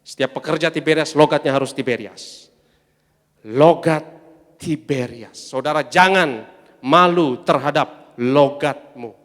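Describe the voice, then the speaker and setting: A man's voice: a little high, unhurried, pauses often, fairly bright tone, in a large hall. A man preaching a sermon as pastor, emphatic, calling on the congregation to answer back. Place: large church hall.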